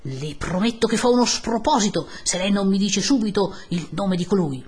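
A woman voicing an angry young peasant man who makes forceful demands. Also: mid-range voice, moderate pace, slightly rough. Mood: demanding, angry. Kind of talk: audiobook character voice.

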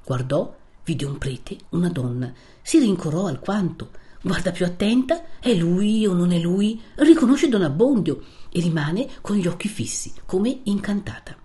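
A woman narrating a literary audiobook in a measured, expressive way. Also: on the low side.

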